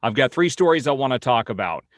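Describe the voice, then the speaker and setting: In a dry recording, a man with a medium-pitched voice talks at a quick pace, his pitch swinging widely. As host of a comic-book film news vlog, he delivers casual news and opinions bluntly, never hiding his views.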